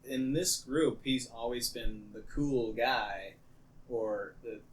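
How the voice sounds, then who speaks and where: A man with an everyday mid-range voice co-hosts a casual podcast. He delivers dry, deadpan remarks and talks through scenes in an easy, conversational way. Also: mid-range voice, slow pace. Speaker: podcast co-host. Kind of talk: casual chat.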